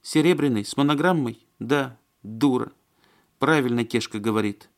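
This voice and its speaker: Guy putting on a fussy worried lady from an audiobook, whiny and chattery, voice pushed up high. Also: normal speed, lightly acted. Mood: agitated. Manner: agitated, chattering, plaintive. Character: fussy, flustered grown woman, talkative and complaining. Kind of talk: audiobook character voice.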